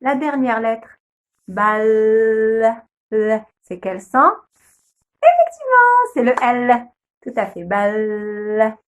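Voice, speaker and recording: A young woman, a kindergarten teacher, slowly and patiently sounding out letters and syllables in a phonics lesson video. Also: a little high, sing-song, lo-fi sound.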